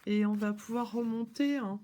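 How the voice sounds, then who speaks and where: A woman's voice: on the high side, moderate pace, mellow, slight background noise. A woman doing a casual tarot reading at home, chatting playfully and speaking straight to her viewers. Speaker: tarot reader.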